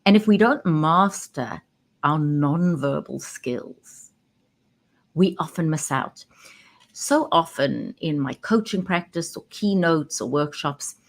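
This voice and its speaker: A woman who works as a communication coach, talking straight into her camera and stressing key words with pauses. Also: low voice. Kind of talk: direct-to-camera talk. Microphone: webcam.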